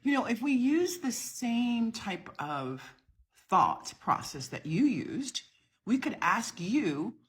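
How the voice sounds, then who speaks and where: Husky-voiced woman in an impassioned rebuttal. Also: a little high, sing-song, takes it slowly. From southern United States. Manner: impassioned, emphatic, lecturing. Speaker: social media creator. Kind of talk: talking to camera, responding to a video.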